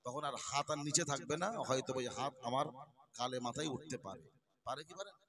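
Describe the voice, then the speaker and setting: A man preaching a sermon, moving from low conversational asides to loud, drawn-out sung chanting, with rhetorical questions thrown to the listeners. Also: no room sound. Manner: repeats lines and asks the crowd rhetorical questions. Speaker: Islamic preacher.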